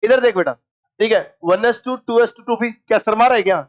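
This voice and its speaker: Casting note: male teacher with a high voice, quizzing a classroom and playfully coaxing answers out of students. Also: fairly quick. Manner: asks students questions and answers them himself. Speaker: chemistry teacher. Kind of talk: classroom lecture.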